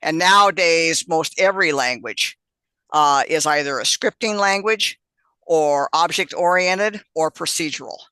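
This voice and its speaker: Brief: male instructor on a call, bright and tense tone, wanders with "uh"s between points. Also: on the high side, a little slow, clean tone, dry recording. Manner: meandering, many fillers and restarts. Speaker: meetup organizer and instructor. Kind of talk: casual explanation on a group call.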